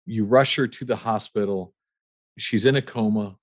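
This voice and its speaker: Male podcast host, enthusiastic recapper, low voice, dry sound. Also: moderate pace, no room sound. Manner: enthusiastic, recaps the guest's story. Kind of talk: interview podcast conversation.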